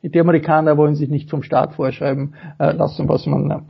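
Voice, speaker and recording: A man speaking as a guest in a political interview, halting, with many fillers and restarts. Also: a little high, level tone, gravelly, background noise. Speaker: guest journalist. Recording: dull lo-fi audio.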